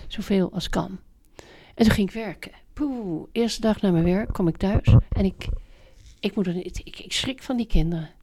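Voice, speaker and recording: A woman's voice: mid-range voice, moderate pace, dark tone. A middle-aged woman as an interview guest, talking emphatically about raising children and repeating her key points. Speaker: interview guest, parenting expert. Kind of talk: conversational interview.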